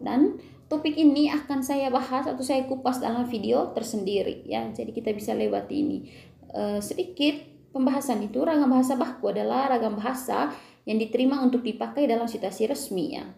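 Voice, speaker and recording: Woman teacher with a gravelly, echoey voice. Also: on the high side, mellow. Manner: explanatory, asks questions to students, frequent fillers. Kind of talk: recorded lesson video.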